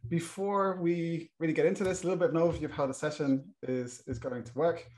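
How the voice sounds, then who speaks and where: A man's voice: a little high, steady tone, quick pace, darkish tone. A middle-aged British man moderating a panel, introducing the topic with many fillers and restarts. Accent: British English. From Britain.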